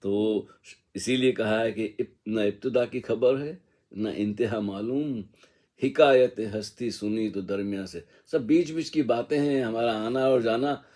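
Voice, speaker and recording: A man giving an unhurried, reflective spiritual discourse, musing with casual asides and slowly reciting couplets. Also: fairly low pitch, dark tone. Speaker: spiritual teacher.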